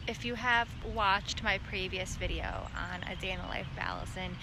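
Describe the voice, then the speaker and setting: A woman's voice: medium pitch, moderate pace, noisy background. A young woman, a dietitian, chatting casually and upbeat in a vlog about her day and the food she loves. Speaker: registered dietitian vlogger.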